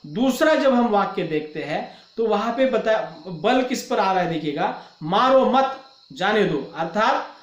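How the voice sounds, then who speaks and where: A man giving a recorded lecture, explaining slowly and stretching out example words. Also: high voice, animated, roomy sound, lo-fi sound.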